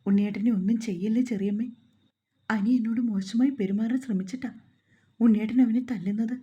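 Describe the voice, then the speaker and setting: Tearful young woman, pleading, higher pitch, husky, woman reading, storybook. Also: steady tone, fairly quick, mellow, highs cut off. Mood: begging.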